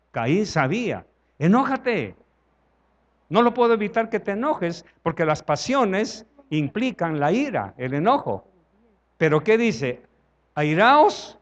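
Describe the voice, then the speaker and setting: A man's voice: fairly high pitch, dull audio. A man with a Salvadoran Spanish accent preaching a conversational sermon in church, acting out dialogue and asking the congregation questions.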